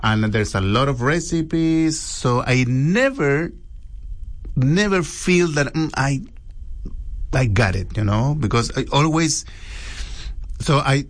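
A man from Chile with a Chilean Spanish accent, a restaurant cook speaking in an interview, halting and often restarting, saying "you know" a lot. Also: mid-range voice, expressive.

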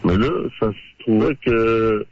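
A male caller's voice, masked by a modifier that pushes it low and unnatural. He speaks in a loose, halting way, stopping often to search for words. The sound is muffled and lo-fi, like a phone line. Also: fairly even intonation, darkish tone, no echo. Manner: halting, loose storytelling with fillers. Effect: voice modifier lowering pitch. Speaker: radio call-in caller. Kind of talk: casual confessional phone chat.

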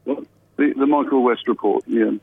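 A man calling in to a radio show over a muffled, underwater-sounding hands-free phone line, talking in halting bursts full of fillers. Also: mid-range voice, steady tone, gravelly, husky, no echo. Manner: halting, many fillers and restarts. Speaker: caller to a talk radio show. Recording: tinny muffled phone line with faint background noise.

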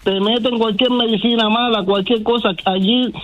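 Male caller, high voice, indignant, phone line, faint music behind. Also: steady tone, normal speed. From Cuba. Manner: indignant, emphatic lists. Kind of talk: call-in radio talk.

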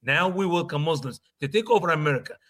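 A man with an Egyptian accent delivers heated commentary as host. His voice sits high and a little husky, and he swings his pitch widely with emphatic force. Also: animated, quick pace, pushed and bright. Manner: impassioned, emphatic, rising to outbursts.

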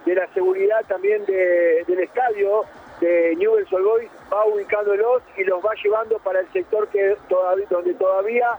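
A man's voice: sits high, steady tone. An Argentine man reporting live from a stadium and chatting with arriving fans. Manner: chatty, quick questions to fans. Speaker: field reporter. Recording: tinny phone-line feed with noise.

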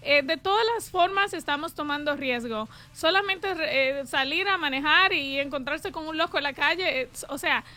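Woman, Caribbean Spanish accent, high-pitched, bright voice, earnest emphatic advisory talk. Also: normal speed, few pauses. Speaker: real estate agent co-hosting a show. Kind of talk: spontaneous advisory talk to listeners.

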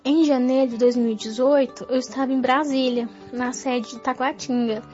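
A woman's voice: sits high, fairly even intonation, normal speed, a little mellow. A woman giving a fervent, prayerful church testimony in a dull lo-fi recording with faint music.

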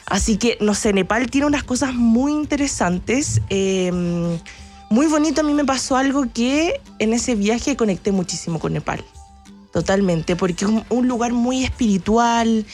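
A Chilean woman with a somewhat high voice tells travel stories in a lively, talkative way, a radio guest who laughs easily. Faint music plays under her speech. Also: moderate pace. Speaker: travel agency press chief, guest. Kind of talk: radio interview, enthusiastic travel talk.

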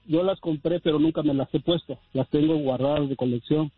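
A man's voice: fairly high pitch, steady tone, a little fast, husky, no echo. A man calling in to a radio show, rambling as he defends himself. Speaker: caller. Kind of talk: phone-in chat. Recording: tinny phone line.

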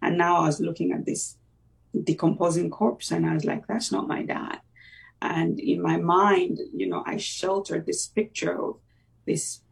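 Heard on a rough recording through a distant mic, a Ugandan interview guest offers his faith testimony in conversation. Luganda is his first language. His mid-range voice is gravelly, and he reflects haltingly, with frequent fillers and restarts.

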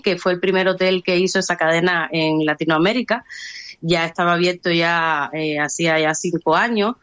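A woman's voice: fairly low pitch, no room sound. Cuban woman telling her story, dry and muffled. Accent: Cuban Spanish. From Cuba. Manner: hesitant, many restarts and fillers, lively when quoting others. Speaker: interview guest. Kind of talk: conversational storytelling.

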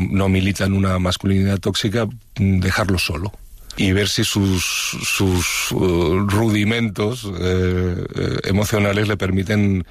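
A man with a low, deep voice, from Madrid, explains his work in an interview. He speaks reflectively, stopping and restarting phrases as he searches for words. The sound is dry and close. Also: dry recording. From Madrid, Spain. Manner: thoughtful, with frequent restarts and hesitations. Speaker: novelist guest.

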